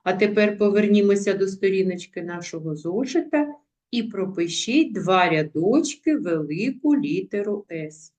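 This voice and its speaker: A woman's voice: mid-range voice, lively intonation, moderate pace, darkish tone. A woman teacher giving a video lesson to young pupils. She speaks carefully and sounds out words syllable by syllable. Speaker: primary school teacher.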